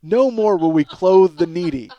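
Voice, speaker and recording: The voice is high-pitched and mellow at a normal speed, though the audio sounds dull. It belongs to a podcast host in his forties telling a rambling, self-mocking comedy story full of profanity, voicing both people in each exchange.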